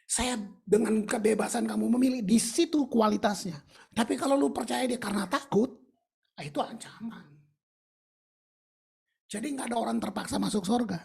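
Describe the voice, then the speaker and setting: A woman's voice: on the high side, vocal fry, a little mellow, slightly rough. A woman preaching a sermon in a colloquial, emphatic way, with English phrases mixed in.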